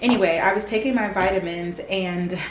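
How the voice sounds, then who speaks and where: A woman's voice: mid-range voice, brisk, reverberant, noisy background. A young woman in her twenties chatting casually to camera for her vlog, leaning on lots of "like" fillers. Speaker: vlogger. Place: home.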